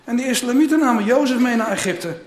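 In an echoey room, a man with a very high-pitched voice reads a scripture passage aloud at a quick pace, giving dramatic voices to the speakers in it. He then launches into his sermon.

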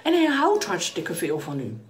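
A woman's voice: lowish voice, huge pitch swings, normal speed. A woman voicing an earnest young prince pleading with his father in a children's Bible story.

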